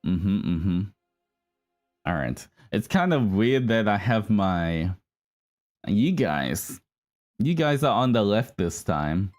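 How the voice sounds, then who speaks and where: Over background music, a male livestream host and virtual streamer rambles casually to his viewers, addressing them as guys. His voice is on the low side with a darkish tone and a sing-song quality, and he speaks slowly with frequent pauses.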